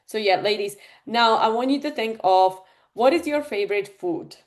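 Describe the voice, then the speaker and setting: A woman's voice: a little high, moderate pace. Chatty woman coaching online. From Czech Republic. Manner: chatty, addresses the audience directly with many fillers. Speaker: fitness and nutrition coach. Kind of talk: live online masterclass talk.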